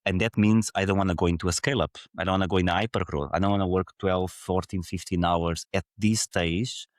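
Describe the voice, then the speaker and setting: Portuguese guy on a podcast, low voice, dead dry close mic, earnest and goes on and on. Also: steady tone, a little fast, no echo. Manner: earnest, explains at length in run-on thoughts. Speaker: podcast guest. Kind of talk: conversational interview.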